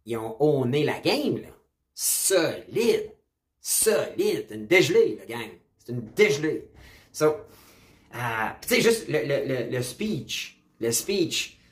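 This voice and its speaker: A man with a Quebec French accent delivers a casual opinion monologue straight to camera. He is blunt and emphatic, drops English slang into his French, and keeps coming back to the same punchy catchphrases. His voice sits at an ordinary pitch and carries a noticeable room echo. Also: very animated, slow. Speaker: political commentator. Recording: roomy echo.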